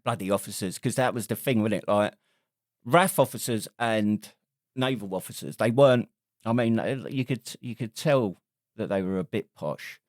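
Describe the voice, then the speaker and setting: A man's voice: lowish voice, moderate pace, dry recording, studio quality. A man who is an army veteran co-hosting a podcast, easygoing and steering the chat with questions. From Britain. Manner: easygoing, leads the conversation with questions. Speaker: podcast co-host. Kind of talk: casual chat.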